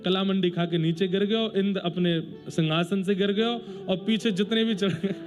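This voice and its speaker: A man with a Braj accent, a religious storyteller giving an animated, playful devotional story sermon. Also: high voice, moderate pace, soft background music. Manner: animated, playful, jokes and chuckles.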